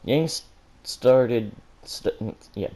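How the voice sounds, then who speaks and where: A fan fiction reader and commentator reads a story aloud as an amateur, now and then stumbling over words and correcting himself. His mid-range voice is warm, with drawn-out words.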